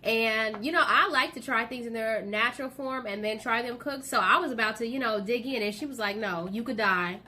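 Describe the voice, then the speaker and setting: A woman's voice: fairly high pitch, fairly quick, few pauses, sharp tone. A woman co-hosting a casual chat about her products and foods, talking in a loose way with lots of "um" and "like". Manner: chatty, full of "um" and "like" fillers. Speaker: co-host and small business owner.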